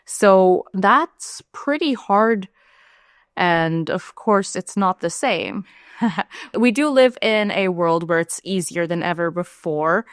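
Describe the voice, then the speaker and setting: Young woman from India, casual vlog talk, candid, chatty, slightly low voice, dry close mic. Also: slow pace, smooth, no room sound. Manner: chatty and candid, lively rises in pitch. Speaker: vlogger.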